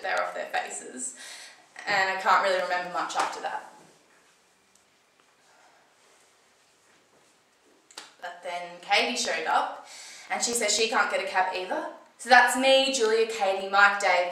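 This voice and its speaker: An acting student performs a dramatic screen monologue as a shaken, defensive teenage girl, retelling her story in the first person with colloquial, swearing speech that comes in halting bursts, then turns breathless. She sounds indignant and gossipy, with a medium-pitched, sharp voice close to her everyday one. The room is echoey and the mic slightly distant.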